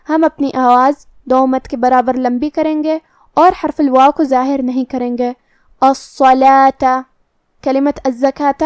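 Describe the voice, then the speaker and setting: Female Quran tutor, Pakistani Urdu accent, high clear voice, dry close sound, patient, methodical rule-by-rule explanation. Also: darkish tone, no room sound. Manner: explains each rule methodically, then recites the word slowly. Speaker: Quran recitation teacher. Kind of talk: step-by-step tajweed lesson.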